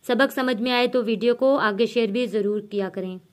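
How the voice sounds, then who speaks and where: A woman teaching Quran reading, spelling out Arabic syllables letter by letter, drawing the sounds out slowly and then adding quick explanations. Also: a little high. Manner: slow drawn-out recitation with quick explanations.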